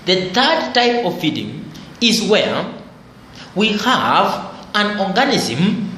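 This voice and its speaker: A man's voice: high voice, fairly bright tone. A man with a slightly raised voice lectures on biology and goes over each point twice. His voice rings in a very echoey room. A faint hiss runs behind him. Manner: repetitive explanatory teaching, phrases restated for emphasis. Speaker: teacher.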